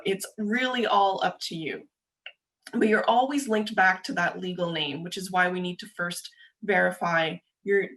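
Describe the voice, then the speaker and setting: A young adult woman giving a quick, chatty webinar presentation over a video call, explaining steps with frequent ums and uhs. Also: mid-range voice, a bit bright. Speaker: presenter for a government agency.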